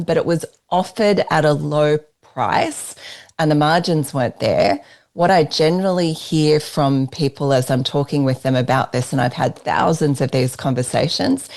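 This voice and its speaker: An Australian woman runs a business workshop, presenting slides while making an emphatic, persuasive pitch. Her delivery carries a slightly mellow quality.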